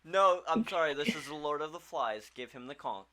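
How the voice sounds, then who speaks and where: A man's voice: a little high, expressive, moderate pace, a crowd in the background. An easygoing man co-hosting a casual chat with friends. He keeps the conversation moving, inviting others to talk and riffing along with them. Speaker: podcast co-host.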